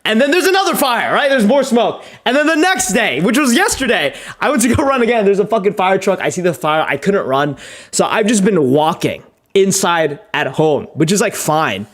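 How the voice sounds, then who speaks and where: Very animated and speaking at a normal speed, a young man chats on a livestream as he edits his videos. He rambles and jokes at his own expense, swears casually, laughs often, and gets louder and higher-pitched when telling a story.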